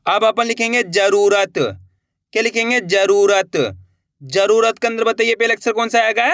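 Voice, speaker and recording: A man's voice: sits high, steady tone, a little slow, a bit bright, no room sound, studio quality. A man teaching how to write words letter by letter, repeating each word and answering his own questions. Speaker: Hindi writing teacher. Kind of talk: slow step-by-step spelling lesson.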